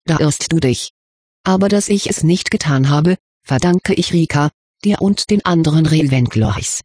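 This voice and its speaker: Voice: mid-range voice, normal speed, a little mellow, husky, no echo, natural voice. A reader voicing a troubled, self-doubting teenage schoolboy, in a storybook reading. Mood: brooding. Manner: subdued, musing.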